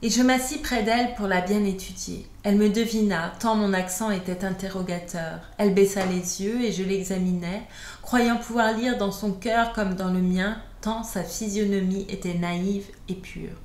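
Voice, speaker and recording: A woman reading a classic novel aloud in a measured, even storytelling voice. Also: mid-range voice, slight background noise. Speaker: audiobook reader. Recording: roomy echo.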